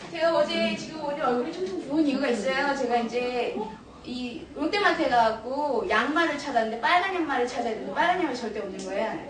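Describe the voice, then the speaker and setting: Woman teacher trainer, animated and laughing, high voice, echoey room, distant mic. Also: fast, crowd noise. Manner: animated, laughing, mixing English into Korean. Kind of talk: classroom storytelling workshop. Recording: echoey room, recorded from afar, noisy.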